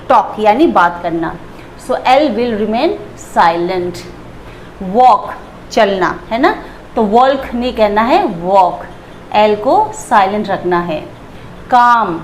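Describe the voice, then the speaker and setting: A woman's voice: on the high side, slight background noise. A woman teaching a pronunciation lesson, spelling out letters and repeating each word. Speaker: English teacher.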